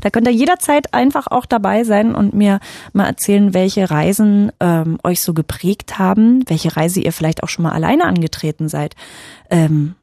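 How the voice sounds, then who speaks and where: Playful radio host lady, bit of vocal fry, dry close studio sound. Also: mid-range voice, dark tone, no room sound. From Saxony-Anhalt, Germany. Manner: playful, joking, drawn-out hesitations. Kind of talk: casual late-night radio chat.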